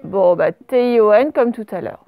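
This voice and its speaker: A woman teaching a spelling lesson, dictating words slowly and spelling them out letter by letter and syllable by syllable. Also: mid-range voice, lively intonation, warm tone, soft background music. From France. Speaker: primary school teacher.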